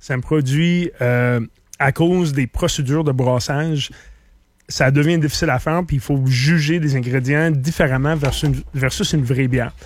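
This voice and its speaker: A middle-aged man from an English-speaking background, a native English speaker with a slight English accent, chats casually on the radio as a beer columnist, explaining things in detail. His voice is medium-pitched at a moderate pace, with no room sound.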